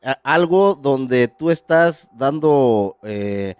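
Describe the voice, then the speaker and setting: A man's voice: medium pitch, lively intonation, drawn-out words, smooth. A man with a Mexican accent hosting a podcast, praising his guest in an eager, rambling way with many restarts. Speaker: podcast host. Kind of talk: casual podcast conversation.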